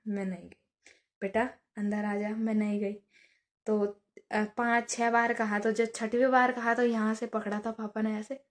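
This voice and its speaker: A young woman vlogger telling a childhood story in a chatty, casual way, often adding little asides. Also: medium pitch. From Uttarakhand hills. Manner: chatty, many fillers and "है ना" asides.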